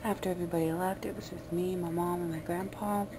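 A woman's voice: lowish voice, fairly even intonation, fast talker, noisy background. A woman vlogger talking loosely and chattily as she shows off her gifts, recorded on a phone. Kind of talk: casual haul vlog.

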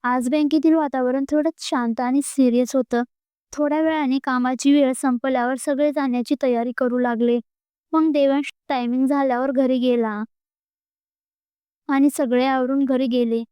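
A woman narrating a scripted love story in a steady, even reading voice. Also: high-pitched, moderate pace, clear, resonant tone, no room sound.

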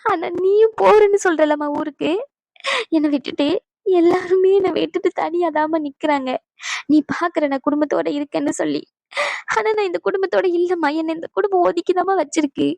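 A clingy, aggrieved middle-aged woman in a cartoon family drama, voiced by a woman with a high, fast voice. She presses and pleads without letting up. The recording is close and dry. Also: no echo, lightly acted. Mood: tearful pleading. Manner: pleading, accusing, tearful. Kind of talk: cartoon voice acting.

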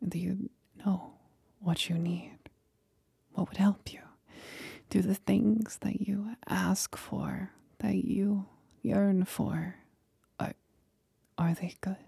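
In an ASMR roleplay, a woman voices a sly, condescending demon companion, whispering huskily and breathily with slow, teasing deliberation. Her exaggerated voice sits at a medium pitch with a warm, steady tone, and there's no room sound. The mood is cool and probing.

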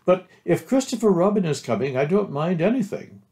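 Man voicing Piglet, small, anxious, high-pitched. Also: very animated, brisk, warm tone. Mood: anxious, earnest. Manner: timid, earnest. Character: small, anxious, earnest male storybook piglet.

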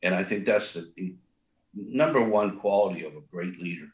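Speaking low and expressively at a normal speed, the older restaurant co-founder gives a rambling, casual interview with a big voice and plenty of fillers and restarts. The sound is reverberant.

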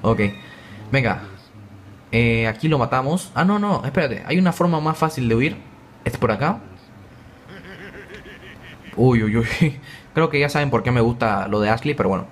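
A young man giving chatty, excitable let's play commentary, joking with viewers as he plays. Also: mid-range voice, normal speed, pauses often, a little hiss or hum. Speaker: gaming YouTuber.

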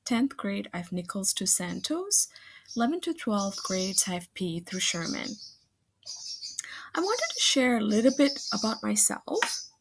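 A woman from Singapore with a gravelly, somewhat breathy voice introduces herself as a school counselor. She speaks in a friendly, conversational way, with occasional fillers. She records over a slideshow on a laptop webcam at home. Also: mid-range voice, very animated, unhurried. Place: home room, webcam in corner of screen share.

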